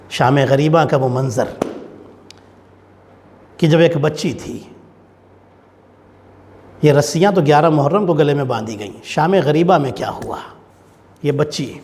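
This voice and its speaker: A man leads a mourning gathering with an Urdu majlis sermon, preaching passionately and rising into a wailing mourning chant. His voice is fairly high and a little mellow, carried by long hall reverb.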